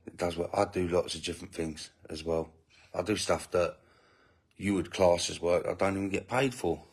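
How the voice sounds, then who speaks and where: Low-voiced man chatting on a live stream. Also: steady tone, normal speed, a little mellow, husky. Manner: rambling, self-interrupting, indignant asides. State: feeding a baby while talking. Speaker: family channel host reading live comments. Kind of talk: casual live-stream chat.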